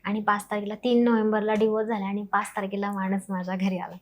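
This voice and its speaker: A woman's voice: mid-range voice, flat delivery. A young woman tells her life story as an interview guest, acting out the voices of her family. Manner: fast, emotional, acts out quoted family members. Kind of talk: emotional personal storytelling.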